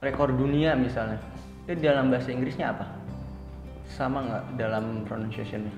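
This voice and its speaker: A man's voice: medium pitch, steady tone, brisk. Curious Indonesian man, echoey room. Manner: curious, repeats words after the teacher. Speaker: student. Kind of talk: casual lesson chat. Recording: echoey room with guitar music.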